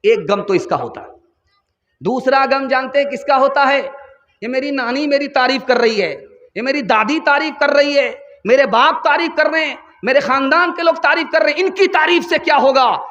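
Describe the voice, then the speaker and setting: A man preaching an impassioned sermon at a religious gathering, his voice rising to shouts at its peaks. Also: very high-pitched. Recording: dull reverberant public-address recording.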